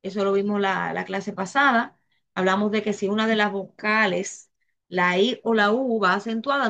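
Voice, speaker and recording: A woman with a Dominican accent teaches grammar to a classroom. She talks slowly and patiently, goes back over her points, and keeps putting questions to the students. Her voice sits at a middle pitch. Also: fairly bright tone, lo-fi sound. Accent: Dominican Spanish. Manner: slow, repeats herself, asks the class questions.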